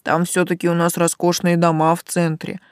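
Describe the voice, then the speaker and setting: A man's voice: fairly high pitch, completely flat delivery, moderate pace, clear, resonant tone, dry recording, clean studio sound, close to an everyday voice. A woman reading a solid, guarded stonemason. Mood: measured. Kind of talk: audiobook character reading.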